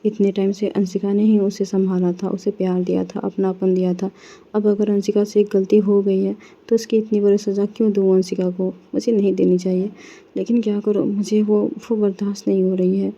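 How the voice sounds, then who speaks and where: A woman's voice: medium pitch, flat delivery, moderate pace, mellow, lightly acted. A woman voicing a hurt but loving young woman who questions and reproaches her partner, on a slightly dull recording. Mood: troubled.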